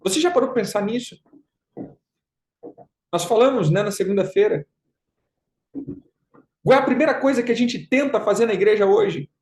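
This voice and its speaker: A man's voice: high voice, normal speed, long pauses, darkish tone. A man gives a conversational sermon as a pastor, emphatic and repeating his phrases. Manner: emphatic, repeats phrases, mocks with put-on quotes. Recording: roomy echo.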